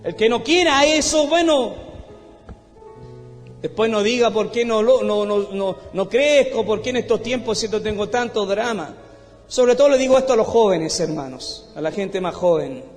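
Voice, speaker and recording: A man preaching a fervent sermon as pastor, with a Chilean accent, often breaking into shouted praise. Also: high-pitched, animated, moderate pace, long reverb tail, faint music behind. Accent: Chilean Spanish.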